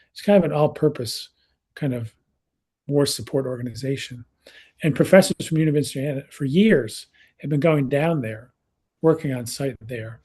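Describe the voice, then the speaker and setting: A man in his sixties, a researcher and speaker, talks on a panel over a video call. His mid-range voice is mellow and husky, and his conversational delivery is full of fillers and restarts.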